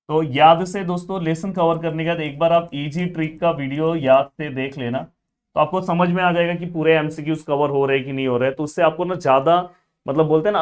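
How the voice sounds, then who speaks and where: A man, coaching students through an exam study plan in an energetic, friendly way. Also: on the high side, clear, resonant tone. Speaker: tutor.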